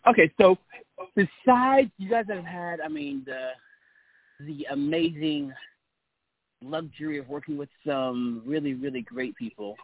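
A man hosting a relaxed interview chat, his voice sitting a bit high. He rambles, circles back and restarts his sentences. The sound comes through a thin, phone-like line. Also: measured pace, dry recording. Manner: rambling, many restarts and fillers. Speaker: host.

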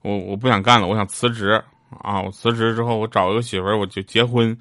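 A man's voice: on the low side, steady tone, quick pace, fairly bright tone, dry recording, studio quality. A man telling a string of short funny anecdotes in a chatty way, often laughing at his own punchlines. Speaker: comedic storyteller. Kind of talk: comedic storytelling monologue.

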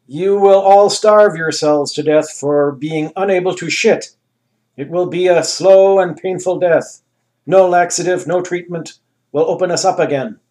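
The character is a pompous male anus tyrant, voiced by a man who booms out slow, grand commands as if he were a monarch in a comic story. His voice sits high and darkish, deliberately pushed upward.

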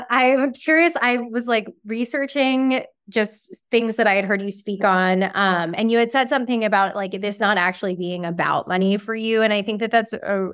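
A woman's voice: medium pitch, a bit bright, smooth. A woman hosting a podcast, chatty and curious, asking questions in a casual style with lots of "like"s. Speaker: podcast host.

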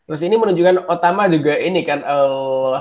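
A man's voice: on the high side, fairly quick, highs cut off. A man chatting casually about a comic, hesitant with many fillers, laughing often. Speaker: podcast co-host discussing a manga chapter. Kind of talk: casual chat.

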